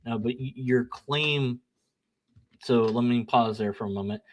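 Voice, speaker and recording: Speaking at a measured pace in a medium pitch, the young channel host reads emails aloud as casual solo commentary. His remarks are blunt, sarcastic and self-deprecating; he's lively, laughs at himself, argues with himself, and gets blunt and argumentative reading what he wrote back.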